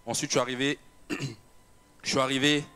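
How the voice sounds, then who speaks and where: A man's voice: medium pitch, little pitch movement, normal speed, bright, forceful tone, clean tone. A young man giving a personal testimony, telling his story with many repetitions and fillers. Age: young adult. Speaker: church member giving a testimony. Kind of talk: personal testimony told to an audience.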